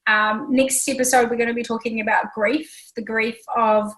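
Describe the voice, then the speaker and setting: A woman host leads a relaxed talk show conversation. Her voice sits a little high, and she speaks in loose, chatty runs full of ums and restarts. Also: moderate pace, rough recording. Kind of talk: casual interview chat.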